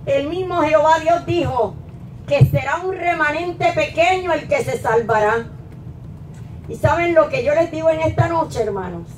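A woman's voice: animated, normal speed. Lady pastor preaching at the pulpit, handheld mic, echoey hall, faint noise behind. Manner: preaching, rising to emphatic peaks then dropping low. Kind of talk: sermon. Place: small church hall, at a wooden pulpit. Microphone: handheld mic, filmed from a distant camera. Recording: echoey church hall from far off.

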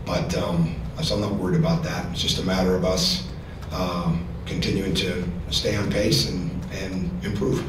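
A man's voice: low voice, flat delivery, normal speed. A middle-aged man, a basketball coach, answering questions at a postgame press conference in an earnest manner, often repeating words while he thinks. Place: press room with sponsor backdrop. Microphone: podium mic. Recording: echoey room, distant mic, noisy.

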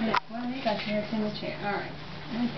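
A woman's voice: mid-range voice, little pitch movement, fast talker. A woman working as a dental nurse, talking casually to a patient and his parent. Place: small dental treatment room, indoors. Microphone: handheld camera across the room. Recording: dull camera audio, loud surrounding chatter.

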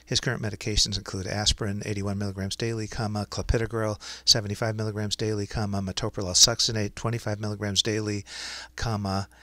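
A man dictating medical notes aloud to speech recognition software, in clinical phrasing with punctuation spoken out. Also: fairly low pitch, little pitch movement, fast talker, no room sound. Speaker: software demonstrator.

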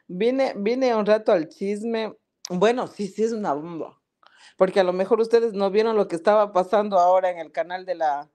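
A woman's voice: medium pitch, a little mellow. A woman hosting a casual live stream, chatty and laughing often as she greets viewers by name. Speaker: podcast live-stream host. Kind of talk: casual live-stream chat reading comments.

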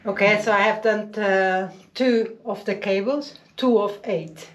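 A woman's voice: medium pitch, fairly even intonation, a little slow. A woman in her fifties gives a casual, earnest update on her wiring work, recorded close inside a boat cabin. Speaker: boat-building vlogger. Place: indoors in a barge cabin.

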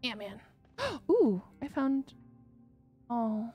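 A woman's voice: a little high, very animated, very slow, muffled recording, soft background music. A woman streaming a game as host, chatting casually with a giggly, rambling manner full of fillers. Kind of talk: casual gaming chat.

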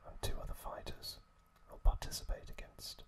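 Close to the microphone, a male ASMR host whispers breathily through a gentle storytelling recap. His phrases come slowly and haltingly, broken up by pauses.

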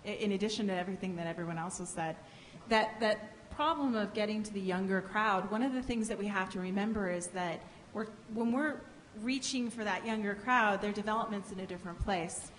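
Middle-aged woman panelist, explains step by step, stand mic, long hall echo. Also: medium pitch. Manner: measured and explanatory, with frequent restarts. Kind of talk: conference panel discussion. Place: large conference hall stage. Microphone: microphone on a table stand. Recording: reverberant hall, faint background hiss.

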